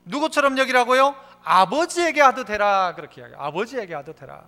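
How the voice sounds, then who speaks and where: A man's voice: extremely high pitch, pushed and bright. A man preaching a sermon as pastor, asking the congregation questions and answering them himself, and telling stories with voices. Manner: tells stories, acting out quoted voices. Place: church sanctuary.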